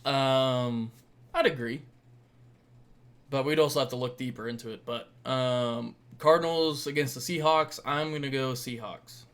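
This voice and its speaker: An American man with a medium-pitched voice chats about sports as a podcast co-host. He is informal and laid-back, swearing casually as he talks. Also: measured pace, a bit bright, clean tone.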